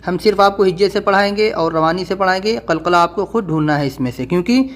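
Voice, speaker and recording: A man teaches Quran reading in a recorded lesson. His voice sits high. He talks fast when he explains and slows right down to sound out each syllable. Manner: quick explanations, slow drawn-out syllable-by-syllable spelling.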